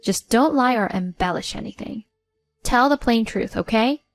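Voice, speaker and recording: A woman with a fairly high voice narrates a first-person story, blunt and cold as she confronts someone. The sound is dry and close to the mic, with faint music playing underneath. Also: moderate pace, gravelly, no room sound.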